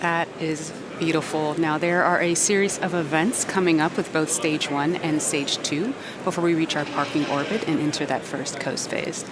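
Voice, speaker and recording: A woman with a low voice hosts a live launch webcast. She explains the stages as they come. Noise is clearly audible behind her. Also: steady tone, moderate pace, hardly any pauses.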